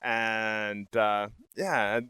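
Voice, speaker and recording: A man hosting a podcast, chatting casually with a guest in a relaxed, easygoing way and laughing a lot. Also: lowish voice, extremely slow, clear, resonant tone, no room sound. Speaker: podcast host. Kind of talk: casual interview talk.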